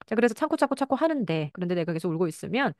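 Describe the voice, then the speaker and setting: A woman counselor giving parenting advice, now and then acting out a mother's and a child's lines in a higher voice. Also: very animated, very fast, a little mellow, no echo, clean studio sound.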